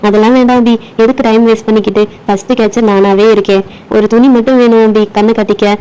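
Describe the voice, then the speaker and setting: A teasing, bossy young doll girl , as a woman puts her on, from a doll play story. She talks fast in a smooth, mellow voice with a rather flat pitch. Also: lightly acted, rough recording.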